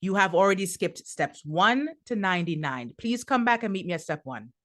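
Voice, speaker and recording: A woman's voice: mid-range voice, expressive, fairly quick, fairly bright tone. A woman from Trinidad and Tobago, a business coach, talking as a podcast guest in an encouraging, laughing manner. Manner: encouraging, laughs often, emphatic repetition. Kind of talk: casual interview chat.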